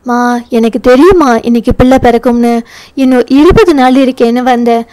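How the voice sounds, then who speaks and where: A woman voicing a tired, gentle young woman who has just given birth, in an audio novel. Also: sits high, moderate pace, lightly acted. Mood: pleading.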